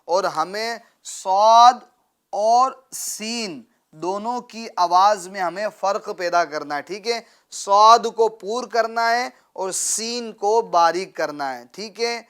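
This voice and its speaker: In a patient lesson, a man with a high, fairly bright and clean voice teaches a child to recite the Quran. He asks questions, has the child repeat after him, and offers plenty of praise.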